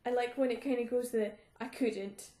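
A woman's voice: on the high side, fairly even intonation, normal speed, warm tone, echoey room. A woman hosting a casual book-discussion podcast, laughing often and acting out lines she quotes. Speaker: podcast host.

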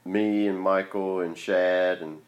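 A man's voice: low voice, level tone, takes it slowly, dull audio. A man with a Southern Georgia accent and a folksy country drawl, chatting casually as a podcast host. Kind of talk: casual chat.

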